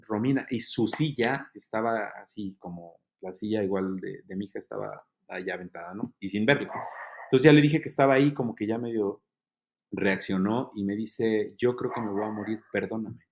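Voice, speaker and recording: A man, a guest giving an earnest, halting testimony in an interview, with many fillers. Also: on the low side, steady tone, darkish tone.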